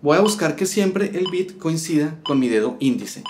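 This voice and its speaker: A man's voice: fairly high pitch, lively intonation, normal speed, background noise. A man teaching a step-by-step guitar lesson, explaining rhythm and counting syllables aloud. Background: guitar playing.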